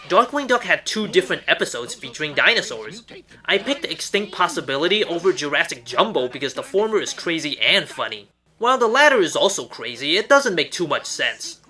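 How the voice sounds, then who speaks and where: Over background music, a man hosts an online cartoon countdown show, narrating a scripted review with emphatic delivery and wry asides. His voice sits on the high side and sounds pushed and bright.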